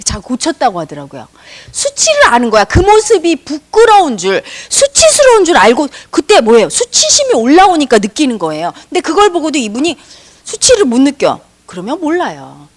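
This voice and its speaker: Woman, middle-aged, meditation teacher, spiritual lecture, very animated pitch, emphatic. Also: normal speed. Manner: emphatic, uses rhetorical questions and acted-out quotes.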